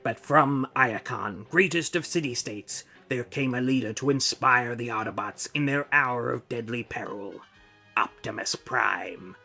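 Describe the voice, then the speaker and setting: Gravelly dramatic male narrator. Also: medium pitch, unhurried, bright, forceful tone, soft background music. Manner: grandiose, declaiming. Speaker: comic book narrator.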